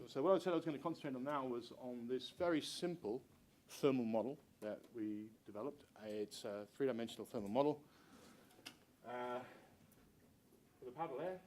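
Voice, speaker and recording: A middle-aged man who is a university researcher, giving a conference presentation in an informal, hesitant, halting way. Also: mid-range voice, a little mellow, a little hiss or hum. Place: lecture room with seated audience.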